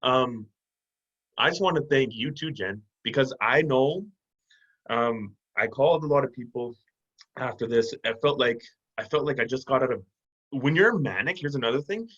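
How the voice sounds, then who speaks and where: A young man in his twenties, a guest telling animated stories with laughs in a casual video call chat. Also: mid-range voice, normal speed. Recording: dull lo-fi video call audio.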